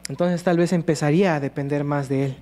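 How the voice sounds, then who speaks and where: Man, high voice, earnest sermon, acted-out prayers, faint mains hum. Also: steady tone, fairly quick, mellow. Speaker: preacher.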